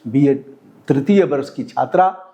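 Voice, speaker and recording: A man's voice: medium pitch, unhurried, mellow, lo-fi sound. A male news commentator reading a report and breaking off to scold the police directly in an indignant tone.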